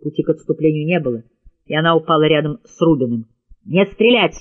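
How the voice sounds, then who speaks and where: A man's voice: fairly high pitch, fast, phone-quality sound. A man narrating an audiobook in a tense, dramatic reading style. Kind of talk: scripted narration.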